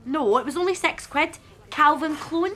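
An actress playing a brisk, sarcastic cafe waitress with a broad Scottish accent in a sitcom. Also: female voice, high-pitched, bright, forceful tone. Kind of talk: sitcom dialogue. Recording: noisy, clicks in background.

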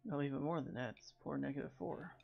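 A man giving relaxed, wry commentary while playing a video game on stream, recorded on a dull lo-fi mic. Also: fairly high pitch, fast talker, creaky, a little hiss or hum. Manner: relaxed, wry asides while reading menus. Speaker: let's play streamer. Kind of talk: casual gameplay commentary.

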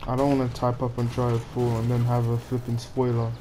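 A man ranting and cursing at a game while he plays it, talking through his frustration in real time. His voice sits in an ordinary middle pitch with a dark, mellow tone, and there is a faint hiss of noise underneath. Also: completely flat delivery, a little fast. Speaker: gamer playing on stream. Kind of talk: live gameplay commentary.

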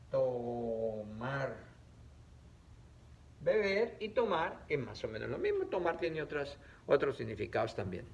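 A male teacher giving a reading lesson to children on camera, stretching out syllables in a playful, animated way. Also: mid-range voice, creaky, highs cut off.

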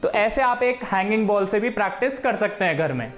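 A man's voice: high-pitched, expressive, fairly quick, fairly bright tone. A young man from Haryana, giving a friendly cricket drill tutorial in a room at home, speaking to a camera across the room. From Haryana, India. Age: young adult. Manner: friendly instructive, addresses viewers as friends. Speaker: cricket coach.

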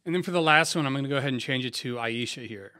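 A young man from San Diego, a music producer hosting a casual software tutorial in a laid-back, slangy, conversational way. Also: mid-range voice, very fast. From San Diego, USA.

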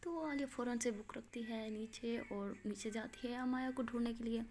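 A woman's voice: a little high, normal speed, darkish tone. Chatty woman storyteller. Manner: chatty, filler-laden retelling. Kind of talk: casual spoken storytelling.

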